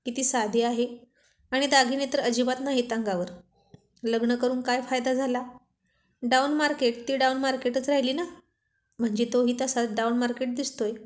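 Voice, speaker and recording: A woman's voice: high-pitched, steady tone, normal speed, natural voice. A woman voicing a proud young married woman who brags haughtily, in a storybook reading. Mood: boastful. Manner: haughty, bragging.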